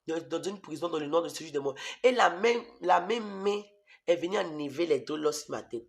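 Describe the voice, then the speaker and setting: A man's voice: a little high, expressive, fairly quick, gravelly. A man preaching an emotional testimony sermon, repeating phrases emphatically and addressing his listeners as beloved.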